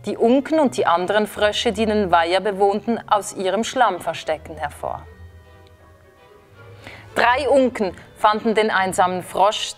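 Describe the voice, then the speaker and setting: A woman slowly reading a children's story aloud in a gentle storytelling manner. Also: mid-range voice. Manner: slow, gentle storybook narration.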